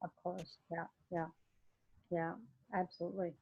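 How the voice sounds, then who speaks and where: A woman's voice: on the low side, level tone, measured pace, creaky, breathy edge, dry recording, lo-fi sound. A woman hosting a podcast interview over a video call. She chats loosely and fills her talk with "uh" and "um". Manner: chatty and loose, with many "uh" and "um" fillers. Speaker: podcast host. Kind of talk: casual interview conversation.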